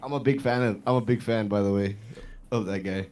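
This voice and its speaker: A man's voice: on the low side, fairly quick, a little mellow. A man co-hosting a casual gaming podcast over an online call, chatty and loose, swearing often. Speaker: podcast co-host.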